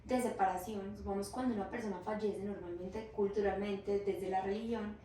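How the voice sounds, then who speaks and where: A woman's voice: mid-range voice, steady tone, fairly quick, dark tone. A woman psychologist, explaining her ideas patiently in a podcast conversation and often checking in with the listener. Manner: explains patiently, acts out quoted reactions, often asks "¿cierto?". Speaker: psychologist guest. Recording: roomy echo, mic at a distance, faint hiss.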